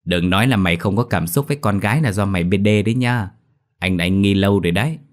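A man voicing a gruff young husband who scolds and teases his younger brother. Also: fairly low pitch, fast talker, lightly acted. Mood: teasing. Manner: scolding, teasing. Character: gruff mocking older brother.

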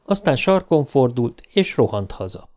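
A man narrating an audiobook in a measured, even storytelling manner. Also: mid-range voice.

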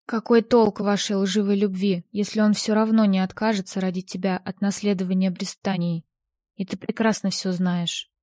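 A woman's voice: medium pitch, flat delivery, normal speed, mellow, dry recording, clean studio sound, lightly acted. A woman voicing a jealous, vengeful young man in an audiobook, speaking in a cold, mocking way. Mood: menacing.

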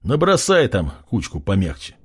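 A man voicing an imperious pale zombie lord who talks slowly and low, with a menacing edge and a husky voice. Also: wildly swooping pitch, exaggerated voice. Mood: mocking.

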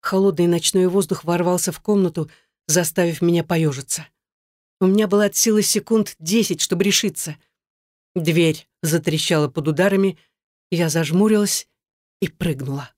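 A woman's voice: lowish voice, moderate pace, a little mellow, no echo, studio quality. A woman reading a dramatic first-person story aloud. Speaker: narrator.

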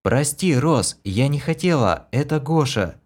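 A man's voice: animated, a little slow. Pleading young woman, a male reader in a raised voice, guilty, frightened. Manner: pleading, apologetic, raised pitch. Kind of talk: audiobook character voice.

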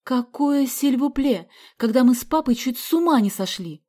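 Storybook mom, worried and reproachful, pitched high and mellow, put on by a woman reader. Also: big pitch swings, a little fast. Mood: upset scolding. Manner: exclaiming, reproachful. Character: anxious scolding mother, middle-aged woman.

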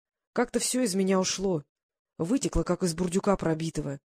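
A reader voicing a weary, broken-hearted man back from prison, talking in a halting, low, self-pitying way in an audiobook. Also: a little mellow, husky, no room sound, studio quality, close to an everyday voice.

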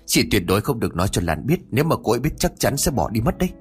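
A man's voice: mid-range voice, big pitch swings, rapid-fire, faint music behind, close to an everyday voice. A man voicing an anxious young husband who begs and pleads in a told story. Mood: pleading. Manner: pleading, urgent.

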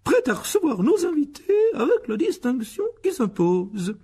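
A fussy, doting aunt coos and gushes in a piercing high falsetto. The voice is strained and mannered, with a husky edge. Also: male voice, huge pitch swings, unhurried, mellow, heavily acted. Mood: gushing. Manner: gushing, simpering.

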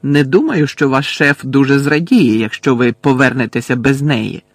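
A man's voice: medium pitch, moderate pace, dry recording, natural voice. Harry Potter, a defiant teenage wizard, voiced by a man. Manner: defiant, stalling for time. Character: defiant teenage boy wizard, stubborn and quick.

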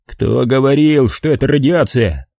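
A man's voice: medium pitch, a little slow, gravelly, darkish tone, no echo, voice pushed up. A man voicing a grumpy, irritable army corporal who grumbles and needles his men with sarcasm.

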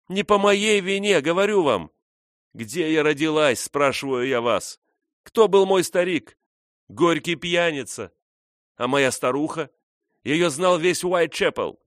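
A man playing a shrill drunken woman. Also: fairly bright tone, no echo, clean studio sound. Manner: shrill, self-pitying, scornful. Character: drunken, bitter young woman of the streets.

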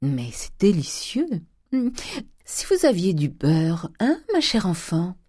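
A woman reading an audiobook, voicing a flattering young male Parisian dandy in an airy, coquettish way. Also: lowish voice, takes it slowly, dry recording, studio quality, voice pushed up, full character voice.

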